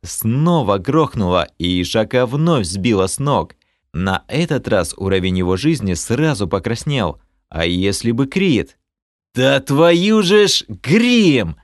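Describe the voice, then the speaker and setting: Lively low-voiced male audiobook narrator. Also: a little slow, no echo, clean studio sound. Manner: animated reading with lively shifts of tone. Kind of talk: first-person audiobook narration.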